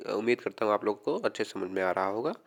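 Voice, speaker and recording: A man teaching a quick exam revision lesson while suffering a heavy cold that dims his voice. He reads English quiz lines slowly, then explains them. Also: lowish voice, lively intonation, creaky. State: has a heavy cold, voice dimmed. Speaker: tutor.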